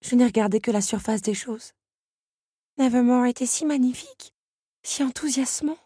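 A woman's voice: on the high side, normal speed, dark tone, husky, no echo, clean studio sound, pitched above the performer's own voice. A woman reading an audiobook and voicing a despairing young woman who pleads and speaks through tears. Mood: tearful.

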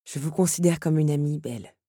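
A young duke in a storybook reading talks with dry, gentle humor, as a woman reads him. The voice sits low and husky, in a dry, close recording. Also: fairly quick, dry recording. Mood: gentle reassurance. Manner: dry, teasing and earnest. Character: young duke, wry and teasing friend.

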